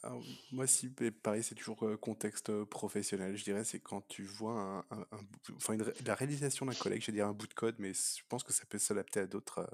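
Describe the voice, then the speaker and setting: A man's voice: fairly low pitch, fairly even intonation, fast talker, hardly any pauses, darkish tone. A man co-hosting a casual podcast, rambling and searching for words. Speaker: podcast co-host.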